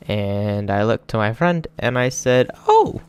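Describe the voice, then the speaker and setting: A man's voice: fairly low pitch, expressive, measured pace, clean tone. A young man telling a crude, joking story in a rambling, casual way, full of fillers.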